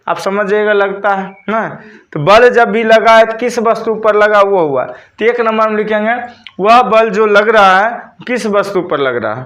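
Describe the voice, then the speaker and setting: A man's voice: high-pitched, a bit bright. A man teaching a school physics lesson, dictating notes and repeating key terms back as questions for his students.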